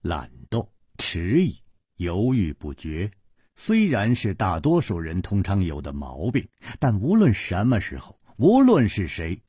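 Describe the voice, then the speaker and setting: A man narrating a martial-arts story in a dramatic, expressive storytelling manner. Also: lowish voice, slightly rough, no echo, studio quality. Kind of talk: traditional Chinese storytelling narration.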